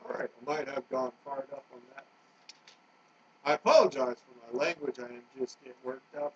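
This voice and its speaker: Middle-aged guy ranting on his own vlog, jumpy and worked up, kinda high voice, dull lo-fi sound. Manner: agitated, jumps between topics, swings from loud to muttering. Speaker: vlogger. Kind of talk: rambling monologue rant. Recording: dull lo-fi recording with faint noise.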